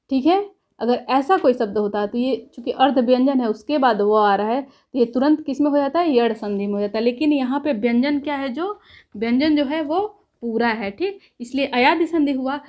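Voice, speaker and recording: A woman teaching a lesson, explaining step by step, asking herself questions and pausing often to check in. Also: a little high, darkish tone. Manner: says "ठीक है" after points. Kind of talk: classroom lecture.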